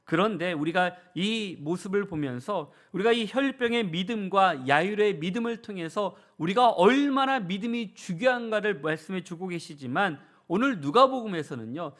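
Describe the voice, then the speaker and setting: A man preaching a sermon in a church, earnest and full of rhetorical questions, moving between soft passages and raised, emphatic ones. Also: high voice. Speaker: pastor. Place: church sanctuary.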